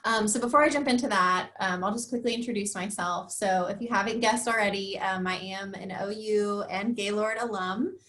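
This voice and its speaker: A young woman speaking over a video call, presenting to a student group in an easy, chatty way. She talks at a middle pitch and often pauses with ums. Her voice comes through a computer mic from a home setup. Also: fairly bright tone. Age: young adult. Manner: friendly, conversational, with frequent ums. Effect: heard over a video call. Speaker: guest speaker. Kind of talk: informal presentation. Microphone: computer or headset mic on a video call.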